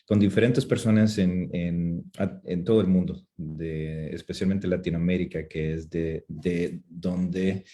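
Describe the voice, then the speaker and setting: A man from Costa Rica giving a webinar lecture from a home office, talking haltingly with many fillers and restarts. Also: low-pitched, fairly even intonation, warm tone. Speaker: webinar speaker. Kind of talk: lecture presentation. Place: home office with two screens.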